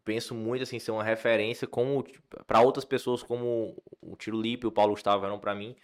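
Speaking quickly in a fairly low voice, this man, a comedian guest from Ceará, Brazil, spins stories during a relaxed conversation. His delivery is animated and riddled with fillers and false starts.

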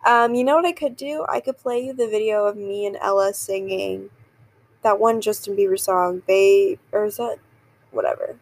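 A woman's voice: mid-range voice, normal speed, creaky, low-quality recording. A young woman hosting a casual solo podcast, rambling and giggling as she talks. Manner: rambling, giggly, self-deprecating. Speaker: podcast host.

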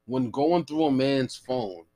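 A man's voice: mid-range voice, slow, noisy background. A man hosting a casual podcast chat, talking crudely and animatedly with frequent laughter. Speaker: podcast host.

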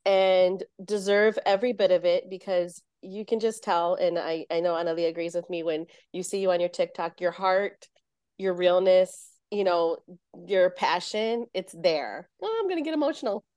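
A woman's voice: fairly low pitch, steady tone, measured pace, clear, resonant tone, no echo. Gushing woman host, dry close sound. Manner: gushing, warm-hearted praise with many fillers. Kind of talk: casual interview chat.

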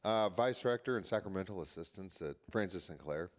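A man with a deep, very lively voice banters casually as a podcast guest. His humour is dry, and the room gives him a long cave-like echo. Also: a little fast. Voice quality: echoey, cave-like sound. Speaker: priest, seminary vice rector, podcast guest. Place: large echoey room in a seminary. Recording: echoey cave-like stone hall.

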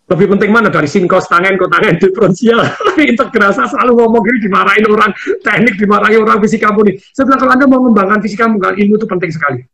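A man, speaking quickly and emphatically in casual conversation and laughing often as he talks. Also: high voice, a bit bright. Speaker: financial seminar speaker.

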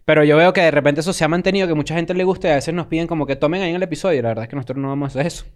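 A man hosts a loose podcast conversation, his speech rattling along at a brisk clip. His voice sits slightly high for a man. He tells stories in a jokey, animated way and keeps the banter moving. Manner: rapid, animated, jokey storytelling. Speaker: podcast host. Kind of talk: casual podcast chat.

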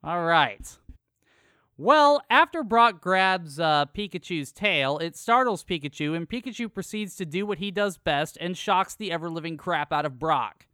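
A man's voice: high voice, animated, measured pace, bright, forceful tone, clear, resonant tone, no room sound, clean studio sound. A man co-hosting a podcast, recapping an episode from a script with jokey asides. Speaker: podcast co-host. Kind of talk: casual recap chat.

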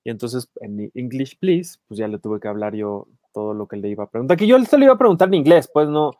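A man with a Mexican accent co-hosting a podcast, telling anecdotes in a lively, casual way and acting out voices. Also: medium pitch, fast talker, dry recording, studio quality. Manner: animated anecdotes, acts out quoted voices. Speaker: podcast co-host, film journalist. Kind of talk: casual chat, storytelling.

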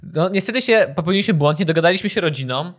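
A young man co-hosting a casual chat, telling dark jokes in a deadpan way and swearing. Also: high voice, fast. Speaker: podcast co-host. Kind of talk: casual banter.

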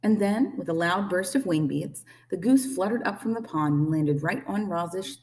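Woman, storybook reader, low voice, expressive, slightly distant mic. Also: normal speed. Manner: lively, gently expressive storytelling. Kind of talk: reading a children's novel aloud.

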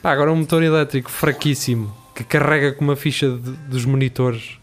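A man's voice: mid-range voice, fairly even intonation, a little fast, slight background noise. A man with a European Portuguese accent hosting a casual chat among friends, opinionated and blunt, prone to swearing. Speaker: talk show host.

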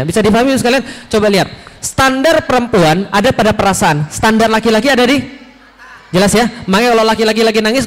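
Male Islamic lecturer with a high voice, chatty and quizzing the audience, recorded with a long hall echo. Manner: quizzes the audience, chuckles, conversational.

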